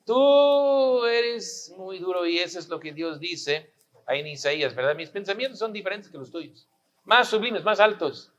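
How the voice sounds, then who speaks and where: A man preaching a sermon in a high, unhurried voice. He drives his points home with rhetorical questions and repeated lines. The recording sounds a little muffled. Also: a bit bright. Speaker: pastor.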